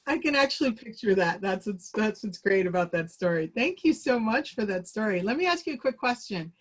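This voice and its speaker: A woman's voice: mid-range voice, expressive, brisk. A woman presenting a workshop over a video call, leading a group exercise in a chatty, upbeat way and laughing easily. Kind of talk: facilitating a virtual group exercise.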